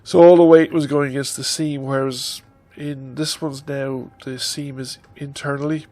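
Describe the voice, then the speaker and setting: With faint music behind him, an Irish man in his fifties delivers a casual vlog update into a desk microphone on a stand. A head cold leaves him stuffy-nosed as he rambles hesitantly with many ums, his mellow, mid-range voice flat in delivery and moderate in pace.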